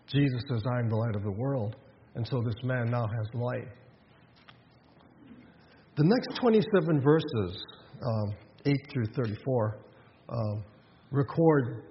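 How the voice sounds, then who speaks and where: A man's voice: mid-range voice, lo-fi sound, slight background noise. Man preaching in an echoey hall. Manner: conversational preaching, many restarts and "um"s, rhetorical questions. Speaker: pastor. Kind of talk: sermon.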